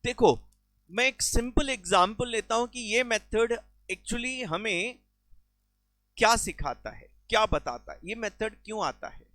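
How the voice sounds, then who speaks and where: A man's voice: high-pitched, animated, a little slow, bright, forceful tone, no room sound. A man teaching a recorded exam-prep lecture, explaining with everyday examples and mixing English terms into his speech.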